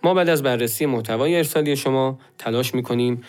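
A man's voice: medium pitch, clean tone. A man hosting a podcast, speaking directly to listeners in a friendly, scripted way. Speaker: podcast host. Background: soft music.

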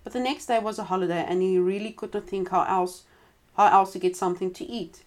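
A woman's voice: mid-range voice, fairly even intonation, a little fast. A woman reading a folk tale aloud to a listener, breaking off for casual asides. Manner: conversational, with frequent asides and restarts. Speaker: storyteller.

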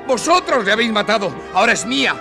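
A frantic young hero in a radio play, high voice that swings all over, music underneath. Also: male voice, very animated, fast, vocal fry, exaggerated voice. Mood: furious. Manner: impassioned, shouting accusations. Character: young man Gabriel, desperate and defiant. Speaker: lead actor. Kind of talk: radio drama acting.

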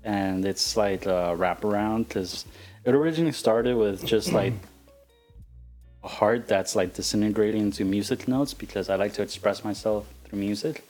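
Lowish-voiced man hosting a casual podcast. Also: moderate pace, a little mellow, faint music behind. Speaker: podcast host.

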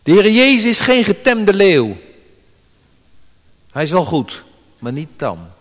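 A male pastor preaches with strong emphasis, his fairly high voice swinging widely in pitch. He repeats key words to drive them home, and a long hall reverb follows him. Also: huge pitch swings, takes it slowly, fairly bright tone. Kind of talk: sermon.

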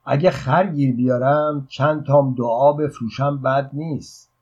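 A man's voice: medium pitch, fairly even intonation, darkish tone, slightly rough, muffled recording, close to an everyday voice. A man voicing a sly, scheming middle-aged beggar preacher who chants and pleads with a crowd for money. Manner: chanting, then pleading and brash.

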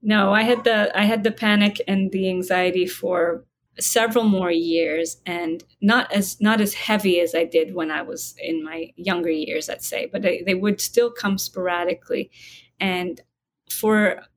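A woman interview guest speaking about spiritual matters in a calm, reflective way, slowing down to stress her points. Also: mid-range voice, slight background noise. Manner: calm, reflective, slows down for emphasis. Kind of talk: conversational interview.

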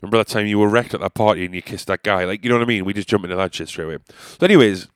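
A comedian and musician hosts his own podcast, rambling casually in a sweary, self-deprecating monologue through a stuffy nose. His low-side voice is smooth and rapid-fire, recorded at studio quality without echo.

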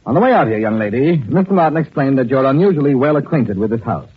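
An actor playing a suave, wealthy gentleman detective who speaks with dry irony, in 1940s radio acting, on a tinny old radio broadcast. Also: mid-range voice, animated, fast, breathy edge. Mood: urbane. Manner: urbane, dryly ironic. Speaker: amateur detective.

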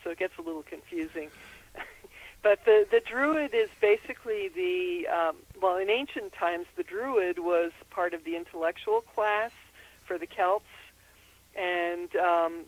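The poorly recorded phone interview features an older Austrian woman, a herbalist who also writes books. Her lowish voice moves at a measured pace as she gives thoughtful explanations with lots of ums.

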